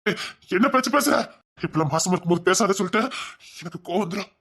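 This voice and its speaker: An anxious, remorseful young husband in a TV serial, with a Tirunelveli Tamil accent. He talks quickly, pleading and soothing, and repeats his apologies over and over. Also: high voice, lively intonation, fairly bright tone, husky, heavily acted. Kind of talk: TV serial acting.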